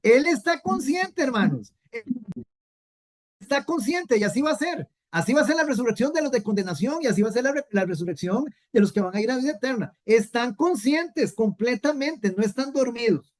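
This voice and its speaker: A woman's voice: a little high, lively intonation, normal speed, darkish tone. Woman Bible teacher, earnest, repetitive, uses rhetorical questions. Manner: earnest, repeats key points, asks rhetorical questions.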